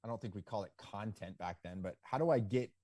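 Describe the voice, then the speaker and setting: Relaxed, mellow-voiced man telling stories. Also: fairly low pitch, quick pace, no room sound, studio quality. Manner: relaxed, rambling delivery full of "like" and "you know". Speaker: podcast guest, ski business owner. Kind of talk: casual interview storytelling.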